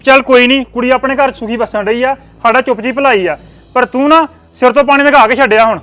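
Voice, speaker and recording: A man's voice: very high voice, fast, fairly bright tone. An actor playing a brother who confronts his sister's husband. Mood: confronting. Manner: confronting, demanding.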